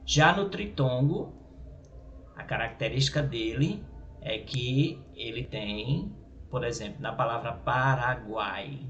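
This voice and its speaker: A male teacher with a Brazilian Portuguese accent giving a grammar lesson, halting and repeating words, often checking with his listeners. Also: mid-range voice, a bit bright, muffled recording. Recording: echoey room with faint noise.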